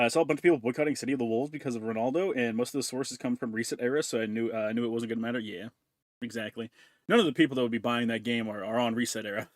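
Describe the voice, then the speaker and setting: A man's voice: medium pitch, no echo, studio quality. A man streaming from home, chatting casually and crudely with his chat while eating and chewing into a desk mic. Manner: crude, joking, talks while chewing food. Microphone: desk mic with noise removal.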